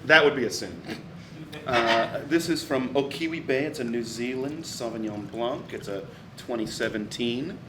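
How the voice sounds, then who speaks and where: A man acting as sommelier at a live comedy show, explaining wines in a deadpan way and slipping in absurd asides without changing tone. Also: medium pitch, normal speed. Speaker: sommelier guest. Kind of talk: live comedy wine tasting. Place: small live venue on stage. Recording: roomy live venue, from far off, noisy.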